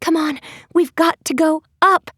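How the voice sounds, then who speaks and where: A woman voicing an earnest, anxious wooden puppet teenage girl in a high, flustered voice for a storybook. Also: fairly even intonation, unhurried, fairly bright tone, no echo, clean studio sound.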